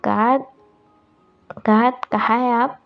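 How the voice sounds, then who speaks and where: A caring schoolgirl friend who stays calm and speaks politely to soothe others, as a woman storyteller voices her. Her voice is gravelly and on the high side, heard through a dull lo-fi recording. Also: slow pace, faint music behind. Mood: reassuring. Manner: reassuring, polite.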